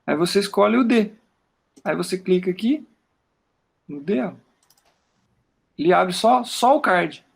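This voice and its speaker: Gravelly high-voiced Brazilian man. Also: expressive, measured pace, pauses often. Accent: Brazilian Portuguese. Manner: rambling, with frequent "né?" tags and stammered repeats. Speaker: poet talking about his book. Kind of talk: casual interview chat while showing his work on screen.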